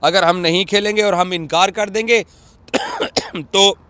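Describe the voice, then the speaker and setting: A man's voice: high-pitched, takes it slowly, pushed and bright, dry recording. Emphatic male commentator, dry sound. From Pakistan. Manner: emphatic, repeats for stress. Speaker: cricket commentator. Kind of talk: live video commentary. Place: outdoors at a cricket ground.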